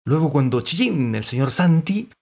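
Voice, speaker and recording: A man voicing an eager, excitable male dog who talks loudly and insistently. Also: a little high, moderate pace, gravelly, pitched above the performer's own voice, heavily acted. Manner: loud and insistent.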